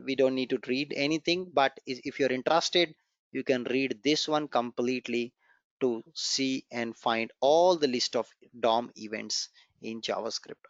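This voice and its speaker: In a dry, dull recording reminiscent of a low-fi computer microphone, a man whose first language is Gujarati teaches programming in a live online class. He walks students through the code step by step, repeating key points and cheering them on.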